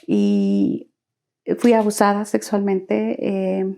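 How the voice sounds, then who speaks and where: A woman's voice: mid-range voice, very animated, slow pace, warm tone. A woman recounting her life story as an interview guest, earnestly acting out quoted dialogue.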